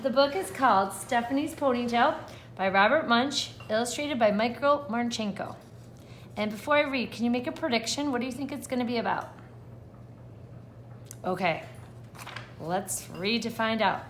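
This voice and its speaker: A woman kindergarten teacher reads a picture book aloud expressively to young children, asking them questions along the way. Her voice is a little high at a normal speed, with long pauses and slight background noise.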